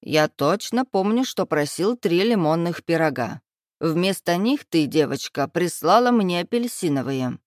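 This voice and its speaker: A woman's voice: lowish voice, expressive, measured pace, no room sound, clean studio sound. A woman doing a grumbling old cook. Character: gruff older male cook.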